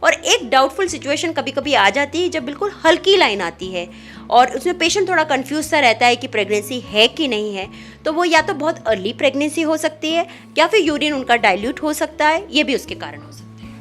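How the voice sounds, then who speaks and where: High-voiced woman gynecologist explaining. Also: brisk, faint music behind. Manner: calm, clinical explaining with fillers. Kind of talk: medical explainer conversation.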